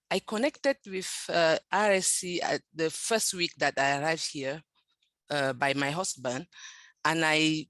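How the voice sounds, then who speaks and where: A woman's voice: low-pitched, a bit bright, dry recording. A French-speaking woman from Cameroon with a Cameroonian accent, giving earnest, grateful answers as an interview guest, with some restarts. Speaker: program participant, guest. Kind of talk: interview answers on a video call.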